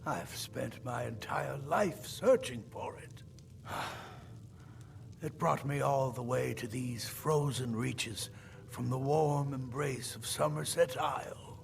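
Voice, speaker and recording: A man's voice: mid-range voice, takes it slowly. An actor voicing a frail, ailing old male elf scholar in a video game, speaking in a weary, dramatic way. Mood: wistful. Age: older. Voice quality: weak, creaky, ailing voice. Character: frail old elven scholar shopkeeper, wistful, obsessed. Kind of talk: video game character acting.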